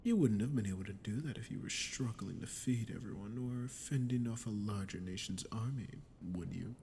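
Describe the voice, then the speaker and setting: In an ASMR audio roleplay, a man plays a sadistic, smug archdemon toying with a captive ruler, delivering a dramatic monologue to the listener. He talks down with slow, mocking, condescending taunts and breathy drops. His voice is on the low side and mellow, with a little hiss or hum in the recording.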